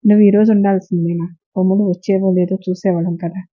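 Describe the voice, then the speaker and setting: A woman voicing a kind young husband who teases gently. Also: medium pitch, flat delivery, fast talker, natural voice. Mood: teasing. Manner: gently teasing. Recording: tinny phone-like sound.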